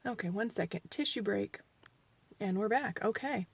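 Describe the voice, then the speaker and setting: Her voice is husky and medium-pitched, expressive, at a moderate pace with no echo. She's a beauty vlogger in her forties giving a casual foundation review, rambling and chatty with self-deprecating humor, a bit sniffly from allergies, and quieter and mumbling during application.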